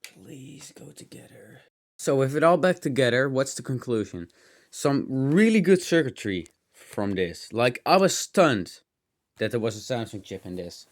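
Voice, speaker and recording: Expressive and measured, a man with a medium-pitched, slightly dry and strained voice hosts a hobby electronics teardown in a cluttered home room. He thinks aloud in a rambling, casual way, dropping muttered asides and mild exclamations as he works hands-on.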